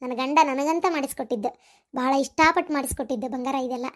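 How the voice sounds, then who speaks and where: A woman voicing a kindly older mother-in-law possessed by a spirit, speaking softly and coaxingly with a North Karnataka accent. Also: high-pitched, fast talker. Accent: North Karnataka Kannada.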